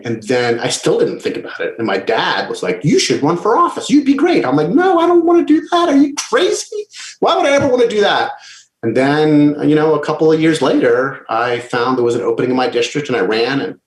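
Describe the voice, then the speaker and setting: A middle-aged man from Maryland, a state lawmaker guest, telling his story in a casual interview and acting out remarks he quotes. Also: mid-range voice. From Maryland, USA. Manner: animated, acts out quoted remarks in livelier voice. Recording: roomy echo.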